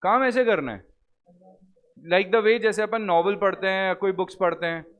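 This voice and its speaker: A man's voice: high voice, a bit bright, clear, resonant tone. Playful man lecturing a class. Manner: playful, joking with students, drawls words slowly when reading. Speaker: law teacher. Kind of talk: classroom lecture, Hindi mixed with English. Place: recorded classroom studio.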